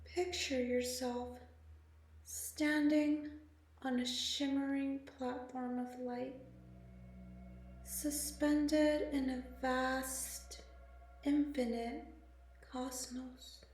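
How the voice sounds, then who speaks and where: Slow soothing woman guiding meditation. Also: high voice, level tone. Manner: slow, soft and soothing, with long pauses. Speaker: meditation guide. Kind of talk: guided meditation narration. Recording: very echoey, slightly distant, music behind. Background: meditation music and singing bowl.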